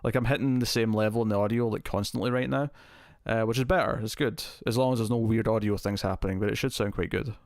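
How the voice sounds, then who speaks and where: A man with a fairly low voice hosts a live stream, chatting loosely with his viewers and wandering between points with plenty of fillers. His mic is heavily compressed, so his level stays flat and even. The sound is dry and close, with no room behind it. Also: fast talker, hardly any pauses, no echo. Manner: rambling, loose, with many fillers and restarts. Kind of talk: casual live-stream chat answering viewers. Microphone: desk mic with compressor.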